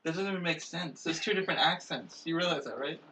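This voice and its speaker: A man's voice: a little high, quick pace, bright, forceful tone, distant mic, rough recording. A man co-hosting a casual chat show, making dry, matter-of-fact asides. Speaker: co-host.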